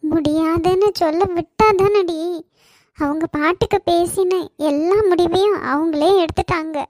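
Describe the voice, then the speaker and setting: A woman's voice: very high-pitched, a little slow, a little mellow, no room sound. A woman voicing Hasini, a hesitant, distressed young woman in a cartoon, with a Kanyakumari Tamil accent. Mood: helpless. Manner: hesitant, pleading. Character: troubled, timid young woman forced into marriage.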